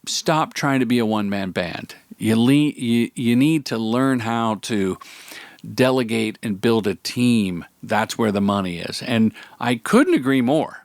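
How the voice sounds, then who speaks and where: A man's voice: mid-range voice, lively intonation, measured pace, dry recording, clean studio sound. A man hosting a podcast interview in casual chat, rambling and talking a mile a minute. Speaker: podcast host.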